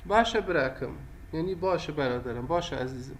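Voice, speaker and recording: High-voiced man patiently explaining phrases. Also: very noisy. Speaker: language teacher. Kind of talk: explanatory lesson narration.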